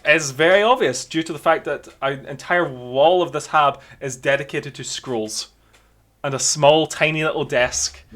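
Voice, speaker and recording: Guy running the table, casual, swears a lot, kinda high voice. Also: a bit bright. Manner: casual, swearing, quick narration. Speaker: game master. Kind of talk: narrating a tabletop game.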